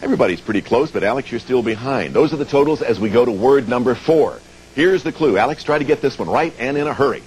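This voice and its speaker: A man's voice: mid-range voice, lively intonation, fast talker, darkish tone, a little hiss or hum, rough recording. An American man hosting a TV game show, presenting to players and viewers and explaining things step by step. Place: TV studio.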